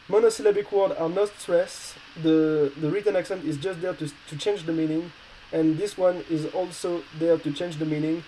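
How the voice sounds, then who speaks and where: A male Spanish teacher explaining a grammar lesson in non-native English, pausing often with filler sounds and small slips. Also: fairly high pitch, warm tone, a little hiss or hum, rough recording. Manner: hesitant, many pauses and filler sounds.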